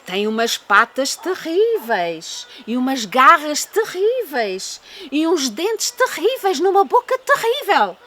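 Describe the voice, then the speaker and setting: A woman's voice: sits high, sing-song, slow, a bit bright, a little hiss or hum, full character voice. A woman with a European Portuguese accent voicing a small, cunning, boastful male mouse in a storybook, polite, teasing and dramatic. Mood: cheeky, boastful. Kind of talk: storybook character voice.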